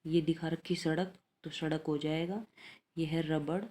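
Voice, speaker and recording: A woman's voice: sits low, little pitch movement, a little slow, mellow, a little hiss or hum. A woman teaching an elementary language lesson, patiently reading out letters and exercises and checking in after each point.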